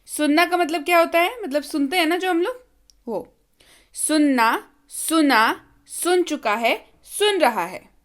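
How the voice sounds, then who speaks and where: A woman teaching an English lesson, reciting verb forms in a steady chant and patiently explaining pronunciation. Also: high voice, unhurried. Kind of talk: slow, drilled vocabulary lesson.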